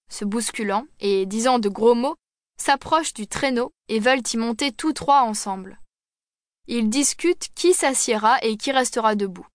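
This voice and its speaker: Female audiobook narrator, measured steady delivery, slightly high voice, very dry close recording. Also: dry recording. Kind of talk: audiobook narration of a classic story. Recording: dry, close studio sound.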